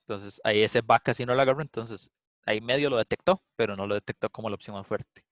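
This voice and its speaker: A man's voice: lowish voice, quick pace, fairly bright tone, no echo. A man giving a casual, explanatory class lecture, thinking aloud with frequent "eh" fillers. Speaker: instructor. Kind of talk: recorded class lecture with live demo.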